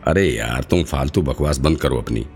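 A brisk no-nonsense woman officer in an audiobook, quick to scold, as a man puts her on. Faint music underneath. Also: a bass voice, gravelly, a little mellow.

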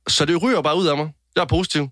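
A man co-hosting a podcast, telling stories in a measured, dryly humorous way. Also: on the high side, a bit bright, no echo, studio quality. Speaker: podcast co-host. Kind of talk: casual chat.

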